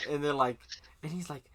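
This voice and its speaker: A man chatting casually about a manga arc, swearing freely, laughing often and acting out the characters' lines. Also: a little high. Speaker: podcast co-host. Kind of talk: casual chat recapping manga.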